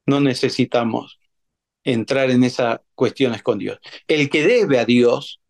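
A man's voice: mid-range voice, slow pace, gravelly. A man preaching a sermon in an emphatic way, repeating phrases and asking his congregation rhetorical questions.

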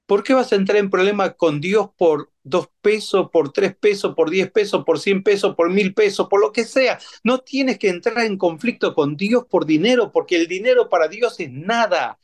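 A man's voice: sits high, moderate pace, hardly any pauses. A man preaching a sermon in an emphatic way, repeating phrases and asking his congregation rhetorical questions.

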